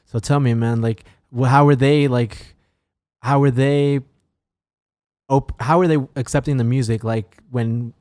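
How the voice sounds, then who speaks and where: A man hosts a podcast interview in an easygoing, friendly manner, prodding his guest with loose questions. His voice sits at an average pitch. The close studio mic gives it a dry, dead sound. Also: fairly even intonation, measured pace, darkish tone, no echo. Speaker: podcast host. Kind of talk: casual interview chat. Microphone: dynamic studio mic.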